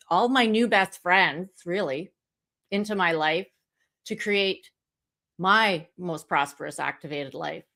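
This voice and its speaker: Woman, mid-range pitch, conversational, motivational live stream host. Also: fairly bright tone.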